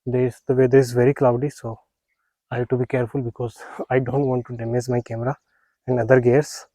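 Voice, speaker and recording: Subdued, mellow man with a flat delivery. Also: mid-range voice, brisk, no echo. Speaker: wildlife photographer vlogger. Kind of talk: casual outdoor vlog narration. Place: outdoors in nature, close dry sound.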